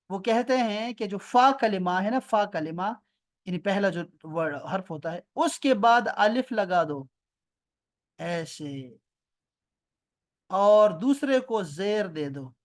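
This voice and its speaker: Patient man teaching over a video call. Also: high voice. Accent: Pakistani Urdu. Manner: patient, repeats terms slowly, quizzes students by name. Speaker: Arabic teacher. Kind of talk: online class lesson. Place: home near an airport.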